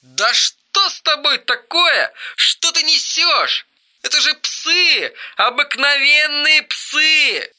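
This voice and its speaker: A man voicing an unhinged, volatile young man with a hoarse, strangled voice, ranting down a phone line. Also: medium pitch, very animated, unhurried, sharp tone, heavily acted. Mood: furious. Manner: erratic, swings from muttering to screaming.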